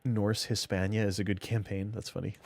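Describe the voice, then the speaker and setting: A man with a somewhat low voice comments casually on his live gameplay, thinking out loud. The sound is close and dry, with no room around it. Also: flat delivery, brisk, vocal fry, dry recording. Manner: thinks aloud, musing to himself. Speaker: gaming streamer.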